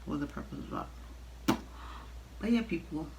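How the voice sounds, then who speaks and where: A young woman telling a casual, animated storytime rant, blunt and exasperated, swearing freely as she talks straight to viewers. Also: low voice, moderate pace, gravelly, slight background noise, poor audio. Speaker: storytime vlogger.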